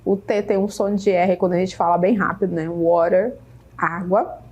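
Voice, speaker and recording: A woman teacher with a Brazilian Portuguese accent explains English vocabulary slowly, repeating each word and checking in with "né?". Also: medium pitch, level tone, darkish tone, breathy edge, dull audio. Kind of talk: slow, careful classroom explanation. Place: state school media center studio.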